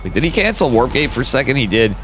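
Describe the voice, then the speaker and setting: A man's voice: medium pitch, big pitch swings, quick pace, a bit bright, faint music behind, poor audio. A man with a cold and a whistling nose giving casual, slangy live esports commentary. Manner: informal, slangy, chatty. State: stuffed up with a cold.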